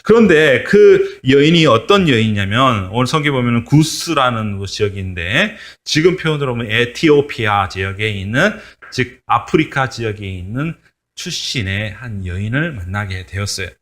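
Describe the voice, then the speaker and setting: A man's voice: mid-range voice, expressive, moderate pace, a bit bright. A man giving a children's sermon as a pastor, telling a Bible story and asking the children questions.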